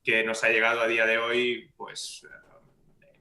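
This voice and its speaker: A man on a debate panel explaining history in a lecturing way, with many pauses and restarts. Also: mid-range voice, completely flat delivery, pushed and bright, slight background noise. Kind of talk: casual panel discussion. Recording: echoey room.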